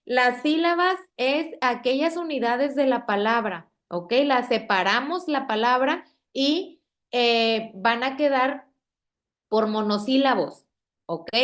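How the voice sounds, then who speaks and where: A woman teacher with a Mexican Spanish accent, explaining a classroom lesson slowly and patiently, checking in with her students after nearly every sentence. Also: high voice. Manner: slow, patient, checks in with "¿ok?" constantly. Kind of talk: classroom lesson on spelling and stress. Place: classroom with projector screen.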